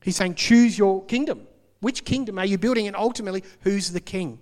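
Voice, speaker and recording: A man delivers a Sunday sermon in a church, his voice sitting slightly high for a man. He talks conversationally, as if to friends, pausing to stress key words and dropping in asides. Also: a little mellow, in a large hall. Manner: conversational preaching with emphatic pauses. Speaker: pastor.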